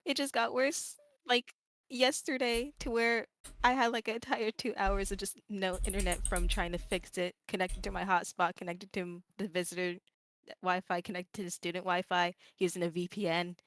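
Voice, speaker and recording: A woman's voice: medium pitch, level tone, normal speed, a bit bright. Tired young woman chatting. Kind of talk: casual podcast chat.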